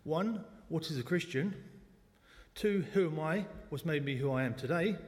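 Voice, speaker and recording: A man's voice: a little high, lively intonation, moderate pace, darkish tone. Man in his forties, echoing church hall. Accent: South London. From South London, England. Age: 40s. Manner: chatty, self-deprecating jokes. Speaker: lay speaker at a church service. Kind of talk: personal testimony talk. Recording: long church hall reverb.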